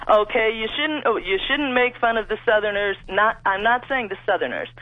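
High-voiced caller on a muffled phone line. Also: male voice, a little fast, no room sound. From Missouri, USA. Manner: earnest and friendly, chatty. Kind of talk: call-in talk.

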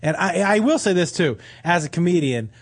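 High-pitched, animated male talk show host. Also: brisk, breathy edge. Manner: blunt, profane, repeats himself for emphasis. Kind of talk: casual phone-in talk.

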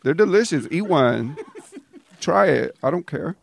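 A man's voice: on the high side, lively intonation, a little slow, gravelly, slight background noise, voice pushed down. A man putting on a brash, exaggerated caricature persona for a podcast bit, drawling in slang. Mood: swaggering. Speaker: podcast co-host.

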